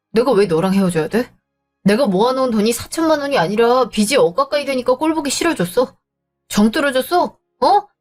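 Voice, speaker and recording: A woman voicing a bitter, indebted husband in a scripted audio drama who pleads and then threatens in a lowered voice.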